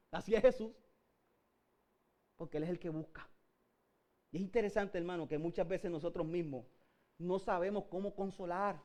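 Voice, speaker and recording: A man with a mellow, fairly high-pitched voice and a Puerto Rican accent gives a sermon that climbs toward emphatic high points. Again and again he addresses his audience as "hermano," meaning brother.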